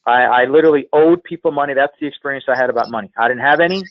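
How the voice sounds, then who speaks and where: On a conference call, a male guest speaker who trains salespeople gives a motivational coaching session at a very fast clip and medium pitch. He hammers his points home emphatically and repeats phrases for impact. Heard over a telephone, the dry audio is tinny and band-limited.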